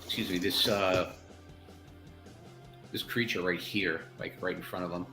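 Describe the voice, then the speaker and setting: A man playing a tabletop game, joking and rambling, quick to laugh. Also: low voice, steady tone, bright, forceful tone, faint music behind. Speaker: player. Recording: echoey room.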